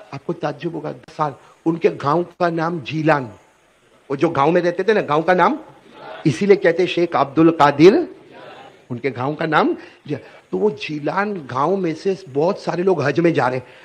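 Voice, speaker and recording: A male preacher telling a religious story in an animated sermon, often calling on listeners to answer him. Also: on the high side. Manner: animated, calls on the audience to repeat.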